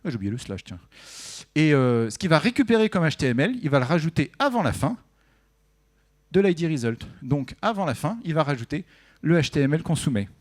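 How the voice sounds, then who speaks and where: A man's voice: on the high side, sing-song, brisk. A man giving a conversational technical talk at a conference, often asking the audience questions. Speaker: conference speaker. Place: conference room.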